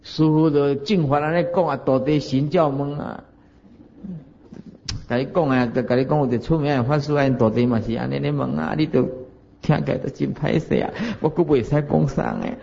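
Taiwanese Hokkien monk, folksy lo-fi sermon. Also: male voice, fairly high pitch, fairly even intonation, fairly quick, gravelly, mellow, a little hiss or hum. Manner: folksy storytelling with chuckles and rhetorical questions. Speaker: Buddhist monk giving a dharma talk. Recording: dull lo-fi recording.

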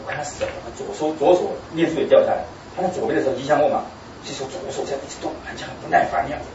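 A man, a Buddhist lay teacher giving a talk. He tells the story in an animated way, acting out quotes and laughing. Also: fairly high pitch, rapid-fire, a little hiss or hum. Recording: distant, echoey, dull recording.

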